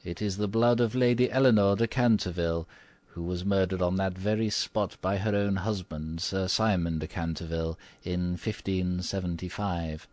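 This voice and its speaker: A man voicing a quaint old woman housekeeper in an audiobook, speaking in a low, grave, mysterious, old-fashioned manner. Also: steady tone, moderate pace, a little mellow, dry recording, natural voice. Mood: mysterious, ominous. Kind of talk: audiobook character voice.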